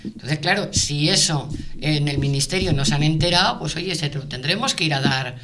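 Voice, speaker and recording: Speaking unscripted as a business representative in a panel debate, a woman is emphatic yet often halting, repeating words while she hunts for phrasing. Her voice sits low, and there's noise in the background.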